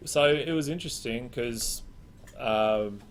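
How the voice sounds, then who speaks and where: A man's voice: medium pitch, takes it slowly, slight background noise. A man hosting a casual live stream chat, rambling and joking. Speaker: host.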